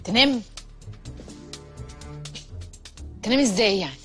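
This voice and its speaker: A shrill, bossy wife. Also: female voice, lively intonation, racing, a bit bright, faint music behind. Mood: angry. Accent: Egyptian Arabic. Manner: nagging, ordering about. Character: bossy, demanding young wife, quick-tempered. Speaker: sketch comedy actress. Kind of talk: TV comedy sketch acting.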